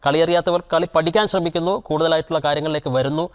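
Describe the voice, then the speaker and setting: A man moderates a football discussion and puts long questions to his guests. He speaks extremely fast, and his voice sits slightly high. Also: flat delivery, clear, resonant tone. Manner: poses long questions to the panel. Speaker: host.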